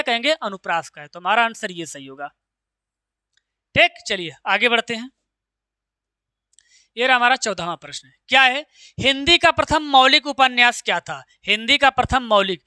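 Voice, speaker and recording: A man teaching an exam-prep class, asking rhetorical questions and reciting verse lines slowly. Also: very high voice, sharp tone, smooth, no room sound.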